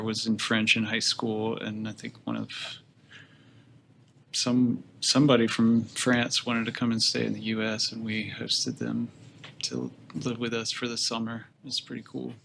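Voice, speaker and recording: A man from Louisiana hosting a casual game-development interview podcast, relaxed and rambling, laughing easily. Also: mid-range voice, a little slow, gravelly, a little hiss or hum. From Louisiana, USA. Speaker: podcast host.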